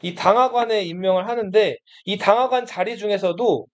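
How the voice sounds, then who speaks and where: Guy lecturing a history class, casual and blunt, keeps asking the room questions then answering them himself, pretty high voice. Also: moderate pace, muffled recording. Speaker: history teacher.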